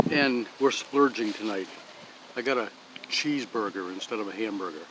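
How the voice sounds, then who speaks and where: An older man chatting casually in a homey, rambling way at a picnic table in a pine grove, recorded on a phone. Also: lowish voice. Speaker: vlogger. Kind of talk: casual outdoor vlog. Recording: outdoor phone recording with clear background noise. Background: breeze, traffic and rustling leaves.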